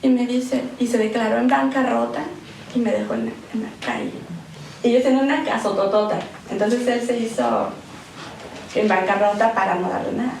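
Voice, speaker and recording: A woman's voice: fairly high pitch, moderate pace, creaky, distant mic, slight background noise. A woman giving a church talk to women, mixing a sermon with a personal story and lots of repeated words and tag questions. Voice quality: animated, swings between loud emphasis and soft emotional tones. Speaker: guest speaker at a women's church session. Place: church hall. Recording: echoey hall, speaker away from the mic.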